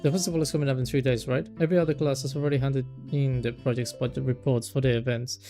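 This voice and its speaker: A man voicing a strict, bossy young female student council president in a visual novel, speaking in a sharp, scolding, deliberate way. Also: medium pitch, steady tone, faint music behind, natural voice. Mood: stern.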